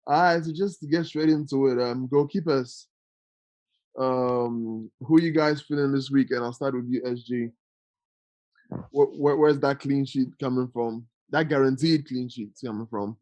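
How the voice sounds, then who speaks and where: A man's voice: medium pitch, measured pace, darkish tone, no room sound, rough recording. A man with a Ghanaian accent casually hosting a football discussion and putting questions to the panel. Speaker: football podcast host.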